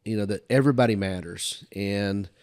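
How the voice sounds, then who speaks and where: An older man with a fairly low, slightly mellow voice speaks at a moderate pace as a podcast guest telling career stories. His folksy, casual anecdotes often recount conversations back and forth.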